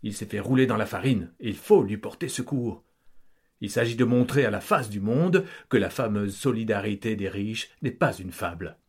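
A man's voice: fairly low pitch, moderate pace, husky. A man narrating a comic story in a pompous, theatrical manner.

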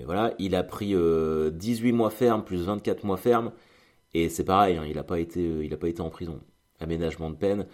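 A man with a very low voice tells a story in a loose, conversational way. He rambles, stops and restarts often, and acts out the other people's lines as he goes. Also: a little mellow. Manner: chatty, rambling, with many fillers and restarts, acts out dialogue. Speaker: performer telling a story. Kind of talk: casual storytelling monologue.

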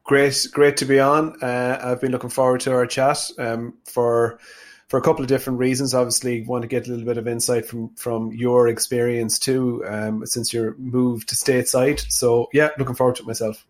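A man's voice: medium pitch, level tone, normal speed. A man with a west of Ireland accent speaking conversationally as an interview guest, thoughtful and often rephrasing himself. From Sligo, west of Ireland. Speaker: podcast guest, performance nutritionist.

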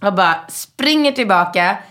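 A woman in her thirties telling a lively, profanity-laced story in casual chat, acting out the voices of the people in it. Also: medium pitch. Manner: animated anecdote telling, acting out quotes; swears often.

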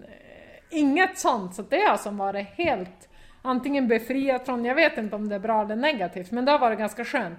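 A woman from the Skellefteå area of northern Sweden speaks in a broad Västerbotten dialect with a mid-range voice. A former player now working as a football pundit, she gives casual interview answers hesitantly, with plenty of fillers and frequent laughter.

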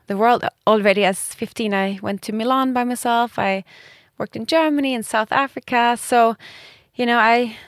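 A woman's voice: a little high, fairly even intonation, normal speed, hardly any pauses, no echo, studio quality. A woman in her thirties from Denmark and Sweden, a fashion brand founder talking enthusiastically as an interview guest. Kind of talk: casual conversational interview.

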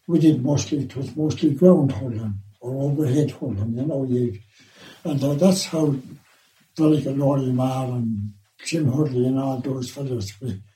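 An older man with a Kilkenny accent telling an animated story in an oral history interview. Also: medium pitch. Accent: Irish, Kilkenny. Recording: echoey room, distant mic.

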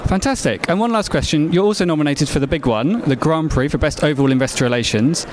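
A man's voice: on the high side, quick pace. A man asking interview questions on site as a reporter. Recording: busy crowded event, background chatter. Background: crowd noise.

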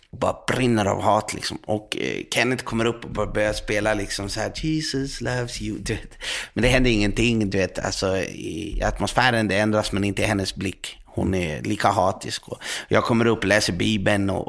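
Gravelly-voiced preacher man telling a story. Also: fairly low pitch, a bit bright. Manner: earnest, dramatic retelling with many fillers. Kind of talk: conversational storytelling.

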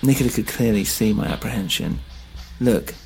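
A man's voice: fairly low pitch, very animated, normal speed, creaky, a little mellow, a little hiss or hum. A man telling a first-person story in a tense, anxious scripted narration. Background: faint music.

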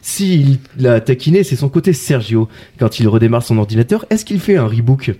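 A man's voice: mid-range voice, animated, moderate pace, warm tone. A man hosting a casual podcast, introducing guests with playful puns and wordplay. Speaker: podcast host. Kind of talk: casual chat.

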